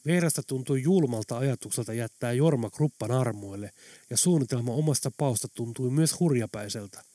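A man narrating an audiobook in a steady, even reading manner. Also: mid-range voice, no room sound. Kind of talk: scripted narration.

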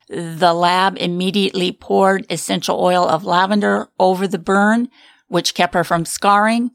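Gravelly-voiced woman explaining skincare live. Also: mid-range voice, no room sound, clean studio sound. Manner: calm, explanatory, answers chat questions. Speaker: skincare professional hosting a live Q&A.

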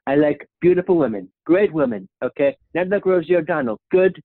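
Sounding close to an everyday voice and talking a little fast, a young man does a comic take on a male president who rambles, boasts about himself and repeatedly ends lines with "okay?" as his pitch drops. The recording has no room sound and a tinny, phone-like character.

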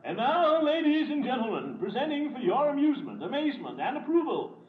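A man's voice: very high-pitched, very animated, a little fast. An actor playing a pompous, blustery middle-aged male water commissioner in a 1940s radio sitcom, chuckling often. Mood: announcing. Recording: dull old radio broadcast, loud hiss.

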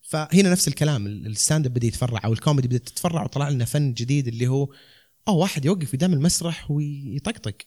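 A man's voice: mid-range voice, expressive, rapid-fire, a little mellow. A man with a Saudi accent explaining things casually and conversationally, rambling and dropping in English terms. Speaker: stand-up comedian, guest.

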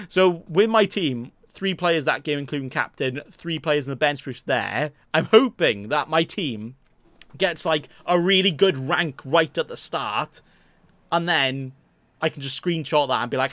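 A man's voice: a little high, fairly bright tone, no room sound. A young man hosting his own podcast, rambling in casual chat and joking at his own expense with many restarts. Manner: self-mocking, jokey, rambling with restarts. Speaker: podcast host. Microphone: desk mic in front of a green screen.

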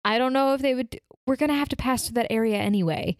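A woman's voice: a little high, fast talker, no room sound, clean studio sound. A woman playing a tabletop game, making plans and directing the group. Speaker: player. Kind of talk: casual tabletop play.

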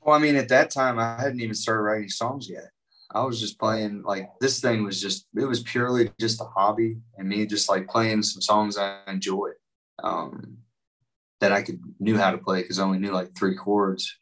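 Heard through poor audio with the mic far away, a young West Virginian man talks casually as a musician guest in an interview. His fairly low, slightly bright voice keeps a steady tone at a moderate pace, and his chat wanders with plenty of likes and you-knows.

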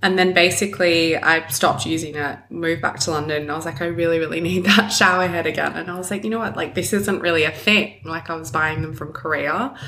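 A woman's voice: deep voice, fairly even intonation, brisk, few pauses, bright, forceful tone, a little hiss or hum. A woman from Australia, a guest rambling casually with lots of "basically" and "like". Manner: rambling, filler-heavy "basically" and "like". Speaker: guest, company co-founder. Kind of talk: casual interview chat.

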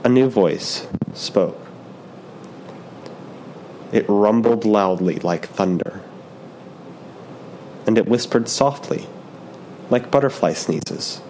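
Male storyteller reading aloud: gentle and unhurried, slow, low voice, light music under him. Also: a little hiss or hum, low-quality recording. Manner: gentle, unhurried, soft delivery. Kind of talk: slow read-aloud of a picture book.

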